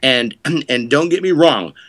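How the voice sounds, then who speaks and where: Man, middle-aged, rambling self-mocking banter, bright tone, very animated. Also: medium pitch, a little slow, no echo. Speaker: podcast guest, actor. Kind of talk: joking podcast chat.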